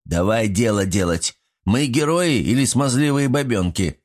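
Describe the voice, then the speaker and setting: A man's voice: medium pitch, darkish tone, husky, voice pushed up, close to an everyday voice. A man voicing a cheeky, pushy little male gremlin who scolds and argues in an audiobook. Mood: scoffing. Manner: bossy, scolding, quick to argue. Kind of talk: audiobook character voice.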